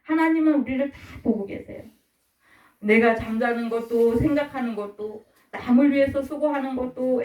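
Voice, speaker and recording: A middle-aged woman preaching a sermon, asking the listeners questions and acting out the voices she quotes. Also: on the high side. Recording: echoey room from far off.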